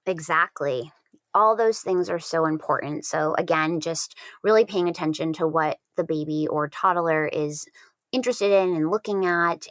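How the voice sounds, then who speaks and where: A woman speech therapist explaining clearly on a podcast, stressing key words. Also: low-pitched, no echo. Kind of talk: conversational podcast advice.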